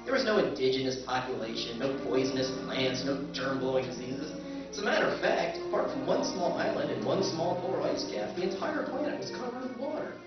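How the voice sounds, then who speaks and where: Over loud music, an actor with a medium-pitched, sing-song voice narrates wryly as a skeptical planetary surveyor in an old-time radio drama staged at a convention. His delivery is fairly quick and lightly acted, captured in a distant, dull, echoey recording.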